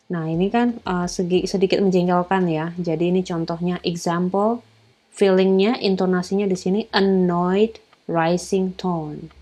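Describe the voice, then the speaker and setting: A woman teacher with an Indonesian accent, explaining an English lesson in a casual way, with many fillers, and reading English words slowly. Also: lowish voice, a little mellow.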